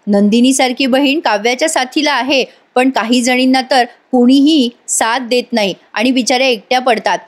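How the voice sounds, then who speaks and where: A woman's voice: sits high, moderate pace, few pauses. A woman narrating a voice-over recap of a TV serial, chatting directly to viewers and adding scolding asides. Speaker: TV serial reviewer.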